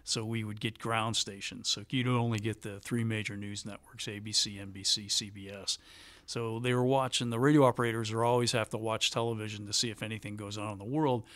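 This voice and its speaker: A man's voice: fairly low pitch, fairly even intonation, brisk, a bit bright, dry recording. Dry-voiced pilot man telling stories. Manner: conversational, laughs while telling stories. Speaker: presidential pilot, guest. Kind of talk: anecdotal interview storytelling.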